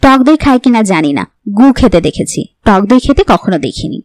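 A woman's voice: a little high, big pitch swings, normal speed, a little mellow, dry recording. A woman voicing a worried, irritated young husband.

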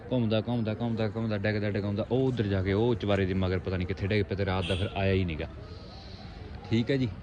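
A man chatting informally to viewers like mates in a rustic, casual vlog. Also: fairly low pitch. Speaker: pigeon-keeping vlogger. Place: outdoors on a rooftop at a home. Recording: noisy outdoor ambience, birds behind. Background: birds and outdoor ambience.

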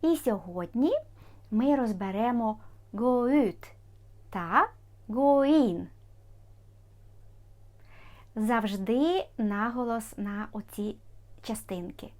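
Slow, careful woman language teacher. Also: a little high, lively intonation, a little mellow. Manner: careful, repeats foreign words for practice. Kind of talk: slow explanatory language lesson.

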